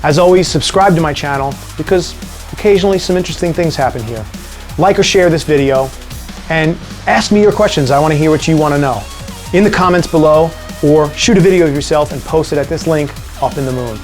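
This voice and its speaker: A man's voice: on the high side, brisk, faint music behind. Wry man with a New York accent. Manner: relaxed, wry and joking. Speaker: musician answering viewer questions. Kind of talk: casual vlog Q&A.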